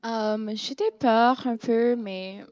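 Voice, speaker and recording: A woman's voice: fairly high pitch, fairly even intonation, slow, darkish tone, dry recording. Hesitant young woman student, lo-fi sound. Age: young adult. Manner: hesitant, mixes in English. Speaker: student guest. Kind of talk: panel chat.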